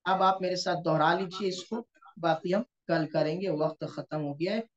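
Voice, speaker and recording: In dull, lo-fi audio from a computer mic on a video call, a Quranic Arabic teacher delivers an online grammar lecture. His voice is high and his pace moderate, and he explains patiently, stopping often to check in with students.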